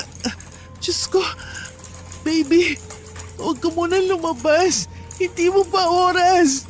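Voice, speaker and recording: A man's voice: very high voice, pitched above the performer's own voice. A man voicing a young pregnant widow who speaks in a tearful, pleading way.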